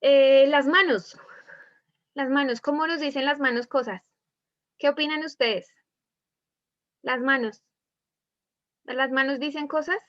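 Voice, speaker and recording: A woman's voice: sits high, slow, long pauses, a bit bright, no echo. Colombian woman teaching an online class. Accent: Colombian Spanish. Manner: asks students many questions, demonstrates tones of voice. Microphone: video call. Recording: dull lo-fi video call audio.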